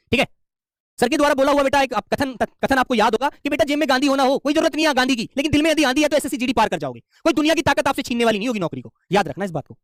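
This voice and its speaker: A man runs an exam-prep class at a rapid clip, coaxing his students like an older brother and checking in with them often. His voice sounds dry and close, with no room around it. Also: very high voice, no room sound. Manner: fatherly, calls students beta and bacche, frequent "hai na?". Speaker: Hindi exam-prep teacher. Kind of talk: online class lecture.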